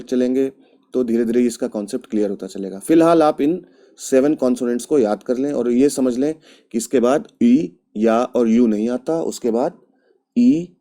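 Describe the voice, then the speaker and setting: A man from India teaches a language lesson slowly and patiently, repeating every example word several times, in a mellow, mid-range voice.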